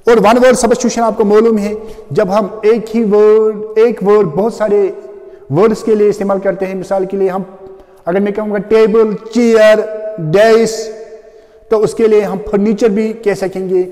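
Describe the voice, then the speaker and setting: A man's voice: high voice, fairly even intonation, normal speed, warm tone, big-room sound. A male teacher giving a classroom grammar lecture, explaining step by step and often checking what the students already know.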